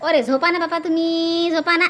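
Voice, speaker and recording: A woman's voice: very high-pitched, steady tone, normal speed, a bit bright. Woman playing a bossy, nagging village woman. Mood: coaxing. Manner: insistent, scolding, repeats urgings. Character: bossy village woman, young adult, nagging her sister-in-law. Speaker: village woman in a family skit. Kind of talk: comedy sketch acting.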